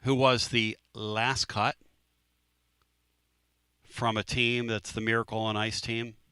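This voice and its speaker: A man's voice: medium pitch, level tone, slow pace, sharp tone, clean tone, no room sound. A man hosting a sports talk radio show, telling a story in a casual, emphatic way and repeating phrases.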